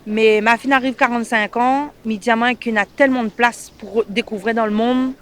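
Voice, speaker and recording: A woman's voice: fairly high pitch, a little fast, clean tone. Emphatic Réunionnais woman in an interview. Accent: Réunionnais French. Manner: animated, emphatic, checks in with "d'accord?". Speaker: interviewee, mother. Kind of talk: casual interview.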